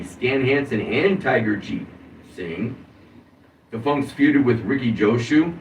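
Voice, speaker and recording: A man, hosting a casual wrestling podcast, reading through a wrestler's career with offhand asides. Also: mid-range voice. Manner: reads a career recap with asides. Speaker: podcast host. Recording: dull, roomy, distant mic with hiss.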